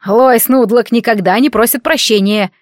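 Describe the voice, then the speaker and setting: A woman's voice: on the high side, normal speed, no room sound, clean studio sound, lightly acted. Woman voicing a grumbling, vain warlock. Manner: grumbling and proud. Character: grumbling, vain middle-aged male warlock.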